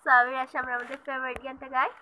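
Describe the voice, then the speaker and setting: A woman vlogger with a cold and a cracked, hoarse voice, talking softly and casually to her viewers. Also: little pitch movement, very fast, rough recording. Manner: soft, low-key talking between loud sung lines. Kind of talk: casual chat and singing along.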